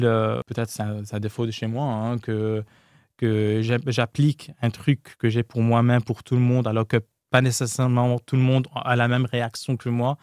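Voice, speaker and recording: A male podcast guest with a foreign accent in his non-native French, recorded close and dry. He talks candidly and casually, with frequent hesitations and rephrasing. His voice sits at an ordinary middle pitch for a man. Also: darkish tone, clear, resonant tone, dry recording. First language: not French. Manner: hesitant, pausing and rephrasing often as a second-language speaker. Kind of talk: casual, candid interview talk.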